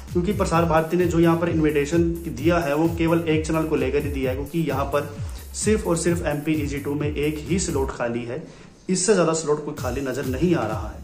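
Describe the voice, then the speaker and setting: Young male news host, slightly high voice, chatty update to camera, roomy recording. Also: fairly even intonation, fairly quick, a little mellow, soft background music. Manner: chatty, repeats filler phrases, addresses viewers as friends. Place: small room indoors.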